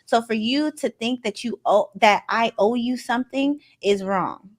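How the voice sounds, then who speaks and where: A woman's voice: a little high, unhurried. A woman co-hosting a podcast, giving her opinions in casual chat. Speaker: podcast co-host.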